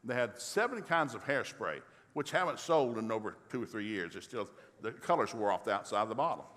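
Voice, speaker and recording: A middle-aged man preaching in a church, telling a folksy, humorous story and acting out the dialogue in lively voices. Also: on the low side, a little fast. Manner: folksy, animated, acts out dialogue. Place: church sanctuary. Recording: long reverb of a large hall.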